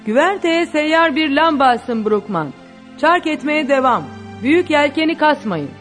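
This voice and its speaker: A woman's voice: a little high, sing-song, measured pace, faint music behind. A woman voicing a commanding male ship captain who barks short orders.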